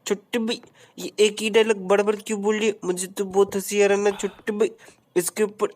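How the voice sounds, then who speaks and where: A woman's voice: medium pitch, flat delivery, normal speed, a little hiss or hum, close to an everyday voice. A woman voicing a naive, clueless cartoon boy with a whiny, questioning delivery in a comic gameplay voice-over. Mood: giggly.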